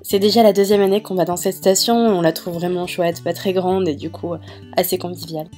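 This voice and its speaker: Mellow-voiced woman narrating casually over music. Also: lowish voice, fairly even intonation, fairly quick. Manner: chatty, informal. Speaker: vlogger narrating a family holiday video. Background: background music.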